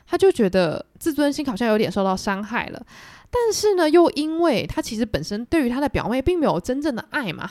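Fast-talking chatty Taiwanese-accented woman. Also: medium pitch, no echo, clean studio sound. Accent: Taiwanese Mandarin. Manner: chatty, animated, lots of fillers. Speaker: podcast host retelling a novel. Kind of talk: casual storytelling book talk.

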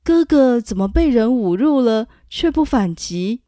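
A woman's voice: on the high side, animated, a little slow, dark tone, no room sound, studio quality. A woman voicing an eager younger male official who asks anxious questions in a storybook telling. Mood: alarmed.

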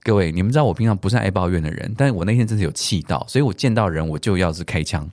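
A middle-aged man with a Taiwanese Mandarin accent, telling a story on his own podcast at a quick clip. His pitch leaps around a lot, and he throws English curses into the tale. The recording is close and dry, with no room sound. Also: no room sound. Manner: animated, mixes English swearing into his story. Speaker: podcast host.

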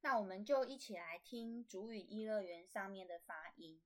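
Woman host, Taiwanese Mandarin accent, relaxed teaching delivery with slow repeated demo sounds. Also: medium pitch. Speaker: podcast host teaching language. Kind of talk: casual spoken lesson.

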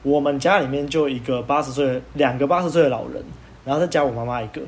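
Fast-talking young man. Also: medium pitch, a little hiss or hum. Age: young adult. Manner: animated, laughs through his story. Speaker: podcast host. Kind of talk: casual storytelling chat.

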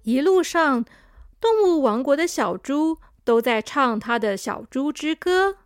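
A woman storyteller reading a children's story, gentle and speaking to young listeners. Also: high voice, lively intonation, unhurried, soft background music.

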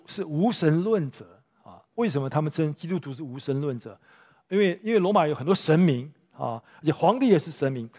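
A pastor preaching a sermon in church, telling a story with rhetorical questions to the congregation. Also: male voice, fairly high pitch, darkish tone.

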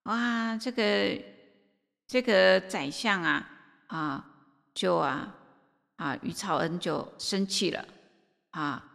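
A woman giving a Buddhist sermon and telling a story, unhurried and full of drawn-out filler particles. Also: mid-range voice, gravelly, fairly bright tone. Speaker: Buddhist teacher. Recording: long reverb of a hall.

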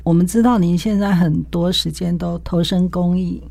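A woman hosting an interview, asking long, polite questions and giving frequent soft backchannels. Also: lowish voice, fairly even intonation, moderate pace, gravelly, no room sound. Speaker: interview host.

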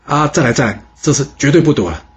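A man's voice: mid-range voice, animated, fast talker, highs cut off, lightly acted. A man voicing a cocky, teasing young archer in a storybook tale. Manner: playful teasing.

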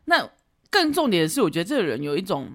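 A woman's voice: on the low side, sing-song, quick pace. A woman with a Taiwanese Mandarin accent hosts a podcast, giving casual advice in a chatty, teasing way and laughing often. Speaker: podcast host.

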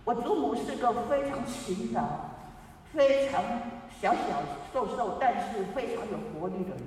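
Taiwanese-accented man, high voice, halting, moved storytelling; distant, echoey room with faint hiss. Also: darkish tone. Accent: Taiwanese Mandarin. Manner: halting, repeats words, deeply moved. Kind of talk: personal storytelling.

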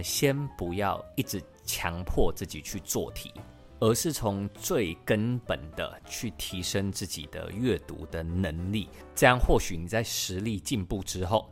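A man with a deep, low voice teaches English in a podcast lesson. He explains each point step by step and spells out words letter by letter. Soft music plays faintly behind him.

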